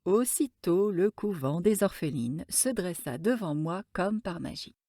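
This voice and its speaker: A woman storyteller reading a classic tale aloud with gentle, expressive narration. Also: on the low side, a little slow, dry recording, clean studio sound.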